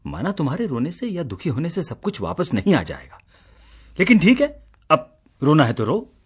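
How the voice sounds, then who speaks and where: Husky, lively radio-play husband, teasing and exasperated. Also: male voice, a little high, moderate pace, heavily acted. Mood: mocking. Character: teasing middle-aged husband, tired office worker. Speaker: radio drama actor.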